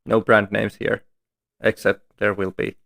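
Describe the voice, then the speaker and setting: A man's voice: lowish voice, little pitch movement, a little slow, creaky, fairly bright tone. A man streaming from home, reading story text aloud and breaking off for chatty, self-deprecating asides.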